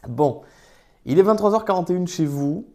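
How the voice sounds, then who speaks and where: A man's voice: sits high, animated, moderate pace, warm tone. A man casually chatting to his viewers during a live stream, talking into a phone. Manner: chatty and improvised, talks to his chat.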